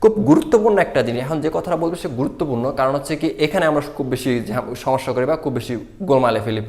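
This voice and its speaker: A man's voice: mid-range voice, racing, darkish tone. A man teaching a grammar lesson, explaining step by step and answering his own questions.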